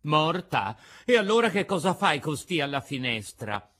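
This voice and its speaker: A man's voice: fairly high pitch, big pitch swings, normal speed, fairly bright tone, voice pushed up. A man voicing a frightened wooden puppet boy who cries out and pleads, in a storybook reading. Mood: bewildered.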